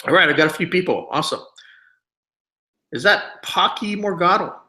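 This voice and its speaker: Bright-voiced man giving a sales pitch. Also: expressive, normal speed, low-quality recording. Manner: persuasive, keeps checking in with the audience. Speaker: webinar host.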